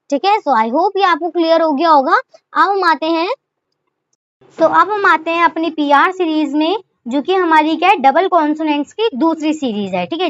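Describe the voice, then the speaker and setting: A woman's voice: extremely high pitch, dry recording. A woman teaching shorthand step by step, often checking in with "okay" and asking herself questions as she writes. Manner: repeats "ठीक है" and asks rhetorical questions while writing. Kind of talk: step-by-step tutorial explanation. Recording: dry, dull lo-fi sound.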